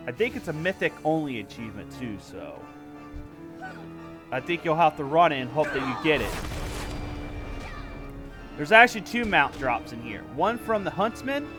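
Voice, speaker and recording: A man giving casual walkthrough commentary on a video game. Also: on the high side. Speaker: gamer making a walkthrough.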